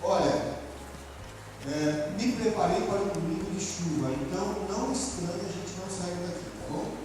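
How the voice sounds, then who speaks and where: A man's voice: high-pitched, normal speed. A man teaching drill commands to a class indoors, barking out orders and then explaining them. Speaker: drill instructor. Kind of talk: live classroom instruction. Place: indoor hall with tiled floor. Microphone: distant room mic. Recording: echoey hall from far off, noisy.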